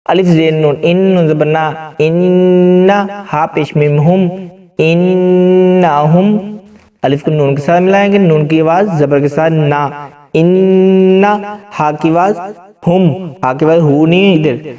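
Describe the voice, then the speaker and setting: A man teaching Quran reading, spelling out syllables slowly and chanting the joined words. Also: fairly high pitch, steady tone, dark tone. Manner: slow syllable-by-syllable drilling, breaks into chanted recitation. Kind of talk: spelling-out recitation lesson. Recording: distant from the mic.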